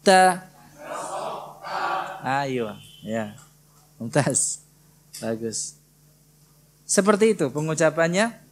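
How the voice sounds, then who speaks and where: A man from Indonesia teaching Quran recitation in a prayer hall, patiently drilling and gently correcting students. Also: high voice. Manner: slow, patient, drills students by repeating syllables. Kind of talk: tajwid lesson with live correction.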